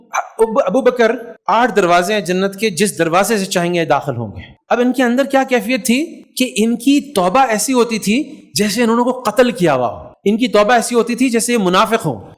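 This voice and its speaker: High-voiced man giving an Urdu sermon. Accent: Pakistani Urdu. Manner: earnest storytelling, mixing in English words. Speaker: religious speaker. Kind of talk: sermon storytelling.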